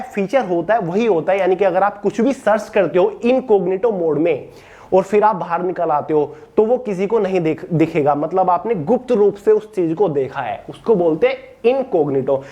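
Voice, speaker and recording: A man teaching an online vocabulary lesson in Hindi, reading English definitions slowly and calling his listeners friends. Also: high voice, dark tone, lo-fi sound. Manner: addresses listeners as friends and brother. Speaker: exam-prep teacher.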